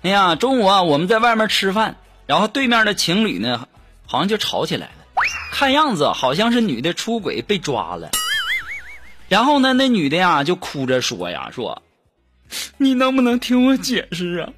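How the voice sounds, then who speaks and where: A man hosting a radio comedy show, telling jokes in a lively storyteller's way and acting out the dialogue. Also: high voice, normal speed. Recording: music bed behind the voice. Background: upbeat background music.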